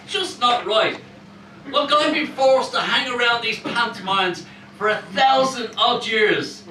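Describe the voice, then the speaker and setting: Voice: mid-range voice, a little slow, pushed and bright. Someone doing a grumbly old panto ghost, fed up and hammy, recorded far off in an echoey noisy room. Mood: weary, aggrieved. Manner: complaining, long-suffering, hammy. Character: weary grumbling ghost of Christmas pantos past. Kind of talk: comic amateur pantomime acting. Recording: roomy echoing live hall, distant mic, noisy.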